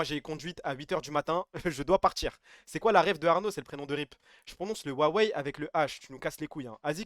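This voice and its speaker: A man, chatting casually on a late-night stream, joking and reading chat aloud, swinging between loud and soft. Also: fairly high pitch, no room sound, studio quality.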